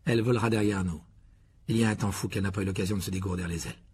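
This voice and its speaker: A man's voice: low voice, fairly even intonation, racing, darkish tone, a little hiss or hum, close to an everyday voice. A man voicing an earnest twelve-year-old boy wizard in an audiobook reading.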